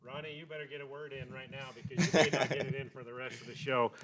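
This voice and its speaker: A man's voice: medium pitch, steady tone, quick pace, a crowd in the background. A man hosting a sports talk show, chatting informally and bantering as he interviews. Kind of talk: casual interviewing. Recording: clear background noise, clicks.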